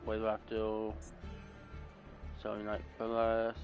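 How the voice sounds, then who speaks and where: A young man from California chats his way through gameplay in a relaxed, unhurried drawl. He rambles and keeps correcting himself mid-sentence. Soft music plays faintly underneath. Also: on the low side, highs cut off. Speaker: gaming YouTuber. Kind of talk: casual gameplay commentary.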